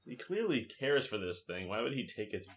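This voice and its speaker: A man's voice: medium pitch, very animated, normal speed, slight background noise. A man playing a tabletop game, joking and laughing often. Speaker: player. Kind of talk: casual chat in a tabletop game.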